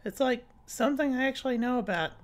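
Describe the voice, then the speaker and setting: A woman's voice: sits high, brisk. A woman hosting a let's play, chatting casually and reading dialogue aloud with frequent giggles. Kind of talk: casual gameplay commentary.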